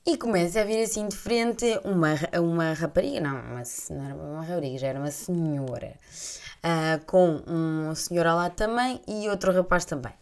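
Podcast host, young woman, European Portuguese accent, lowish voice, animated anecdotes with laughter. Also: a little fast. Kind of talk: casual storytelling chat.

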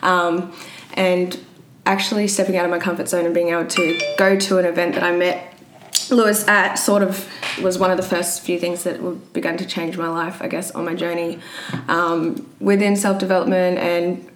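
Young Queensland woman, lowish voice, echoey room. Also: level tone, moderate pace. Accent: Queensland Australian. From Brisbane, Australia. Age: 20s. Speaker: interview guest. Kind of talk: casual personal storytelling. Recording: roomy echo, audible background noise.

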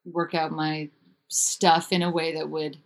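Unhurried and candid, this young interview guest, an author and musician, chats along with many fillers and false starts. When something animates her, her pitch springs upward.

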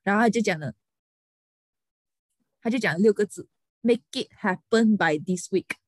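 A young woman lawyer venting about work in a casual podcast chat, animated and dropping English words into her talk. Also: mid-range voice, normal speed, no echo.

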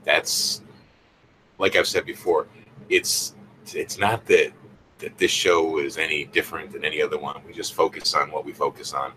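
A man with an extremely deep voice talks casually and thoughtfully on a livestream panel. Clear noise runs through the recording. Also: fairly even intonation, normal speed, pushed and bright. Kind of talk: casual reflective chat. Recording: clearly noisy livestream audio.

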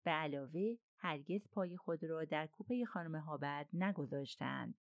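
Woman narrating a mystery novel, low and dry. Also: no room sound. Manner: steady storytelling delivery. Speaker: audiobook narrator. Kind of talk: novel reading.

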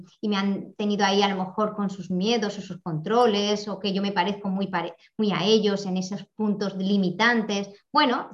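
A woman giving a reflective conversational talk, animated and repeating phrases for emphasis. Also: medium pitch. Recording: muffled lo-fi audio.

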